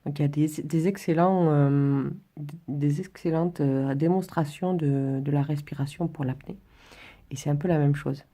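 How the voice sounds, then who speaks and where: Woman instructor for a relaxation drawing tutorial: very mellow, dark tone, a little husky, informal, pausing mid-phrase. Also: low voice, steady tone. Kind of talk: informal spoken tutorial, demonstrating while talking.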